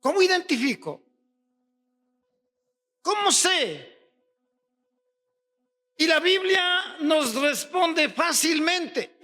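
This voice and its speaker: A pastor from Ecuador preaching a sermon, firing rhetorical questions at the congregation and rising to shouts on key points. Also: male voice, extremely high pitch, sing-song, very slow, pauses often.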